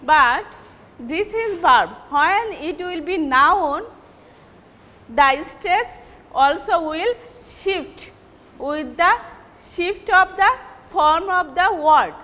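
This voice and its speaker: Slow high-voiced Bangladeshi woman teaching. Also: lively intonation, bright, forceful tone. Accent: Bangladeshi English. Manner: measured, repeats example words slowly to demonstrate. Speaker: English teacher. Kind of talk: classroom lecture on word stress. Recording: reverberant room with faint ambient noise.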